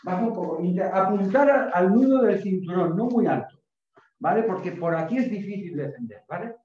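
A middle-aged man teaches karate in a small indoor home dojo with mats, barking counts and short drill commands like a gym coach. His voice is high, animated, warm and a little fast. A far camera across the room captures it, so the sound is distant, echoey and dull with faint noise.

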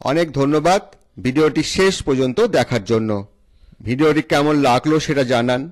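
A man's voice: fairly high pitch, moderate pace. A man with a Bengali accent hosts a pronunciation lesson, spelling English words letter by letter and then repeating the correct form. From India. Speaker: English teacher and channel host.

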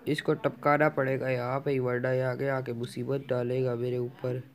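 A man's voice: medium pitch, level tone. A man commentating his own gameplay, urgently repeating words as he plays. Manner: urgent, repeats words rapidly while playing. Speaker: gaming YouTuber.

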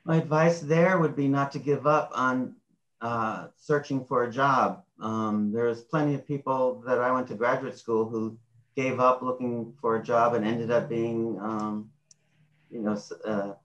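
A man's voice: mid-range voice, fairly even intonation, a little slow, a bit bright. A man on a video call panel giving direct, plain-spoken advice. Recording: roomy, dull video call audio.

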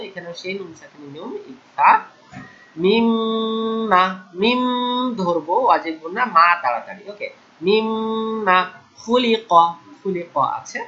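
Male Quran teacher from Bangladesh, slow drawn-out recitation mixed with brisk explanation, slightly muffled lo-fi sound. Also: sits high, bright, forceful tone. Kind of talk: tajweed recitation lesson.

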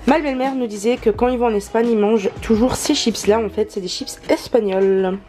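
Chatty woman with a mellow voice. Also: fairly high pitch, a little fast, faint music behind. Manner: chatty, many hesitant fillers. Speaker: vlogger. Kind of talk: casual haul vlog.

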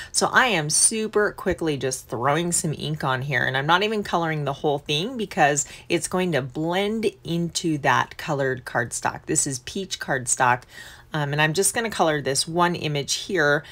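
A woman's voice: low-pitched, normal speed, a bit bright. A middle-aged woman hosting a casual crafting tutorial, chatty and upbeat as she explains each step in a voice-over. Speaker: craft channel host.

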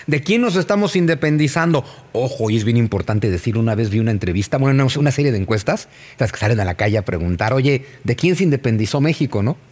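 A man's voice: medium pitch, fast talker, few pauses. A man with a Mexican accent explaining history in casual conversation, posing rhetorical questions. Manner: animated, rhetorical questions to the listener.

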